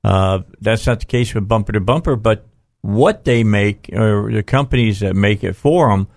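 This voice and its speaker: A man's voice: lowish voice, normal speed, vocal fry, a little mellow, dry recording, studio quality. A man hosting a radio talk show in casual, conversational live talk.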